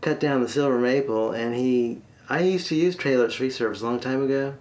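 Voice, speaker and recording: A man tells a long joke in a folksy, unhurried way. His voice sits in the middle of the range, and he drags the story out for effect. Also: medium pitch, a little mellow. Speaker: comedy storyteller host.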